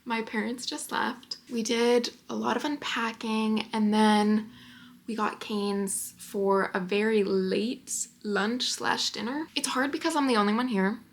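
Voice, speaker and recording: A woman's voice: a little high, steady tone, a little slow, a little hiss or hum. A woman in her early twenties vlogging casually in a small apartment bedroom, chatty and rambling with lots of filler likes. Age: early 20s. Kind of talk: casual chat to camera.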